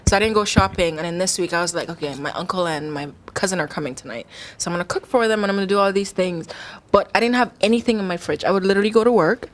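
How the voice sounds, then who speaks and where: A woman's voice: fairly low pitch, rapid-fire. Giggly woman radio co-host. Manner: chatty, giggly, self-deprecating. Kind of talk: casual radio chat. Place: radio studio. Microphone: studio microphone.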